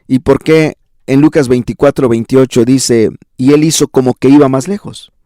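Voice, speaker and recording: A man preaching a fervent sermon as a pastor, repeating phrases and rising sharply in pitch for emphasis. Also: moderate pace, mellow, dry recording, clean studio sound. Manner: fervent preaching with repetition and sudden pitch rises. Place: church.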